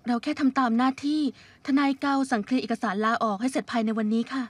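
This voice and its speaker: A woman's voice: a little high, fast, natural voice. A woman dubbing a polite but firm female office assistant in a Thai drama dub, with a businesslike delivery.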